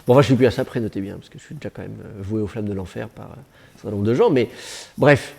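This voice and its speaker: A man's voice: lowish voice, fast, creaky, warm tone. A man teaching biblical Hebrew to a class, with a conversational, digressive manner and joking asides. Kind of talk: classroom lecture.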